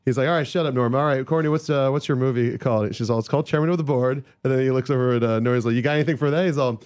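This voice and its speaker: A man's voice: mid-range voice, very fast, darkish tone. A man from Hawaii co-hosting a casual chat, eagerly retelling anecdotes.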